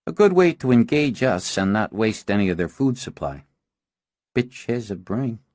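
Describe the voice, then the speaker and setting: A man's voice: fairly low pitch, animated, moderate pace, darkish tone, dry recording, close to an everyday voice. A man voicing a cocky, tough female vampire hunter in an audiobook, brash and commanding. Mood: grim.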